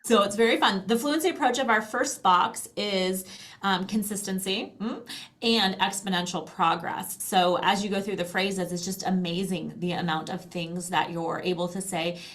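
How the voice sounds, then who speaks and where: A medium-pitched, fairly bright female voice moves at a moderate pace as a middle-aged American woman explains a language program. Acting as presenter and guest, she keeps the product demonstration casual, talkative and upbeat.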